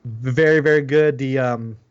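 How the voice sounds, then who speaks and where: A man's voice: mid-range voice, fairly even intonation, a little slow, clean tone, no room sound, muffled recording. A man co-hosting a podcast in casual chat, rambling with many restarts and fillers. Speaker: podcast co-host.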